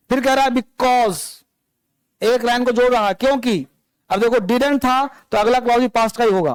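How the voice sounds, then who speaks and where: A man's voice: very high voice, clear, resonant tone, no room sound. A man teaching an English class, explaining grammar and calling out instructions to his students. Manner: instructive, calls on students and drills them.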